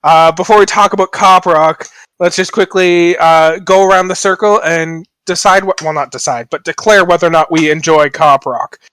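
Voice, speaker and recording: A man's voice: fairly high pitch, steady tone, normal speed, fairly bright tone, clear, resonant tone, no room sound. A young man hosting a podcast, casual and joking, rambling and self-deprecating. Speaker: podcast host.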